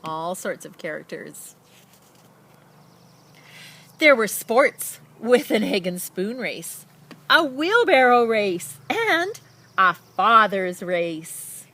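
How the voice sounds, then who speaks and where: A woman with a mid-range voice reads a children's picture book aloud, dramatically emphasizing words and pausing for effect. Her reading is expressive, and she adds casual asides along the way.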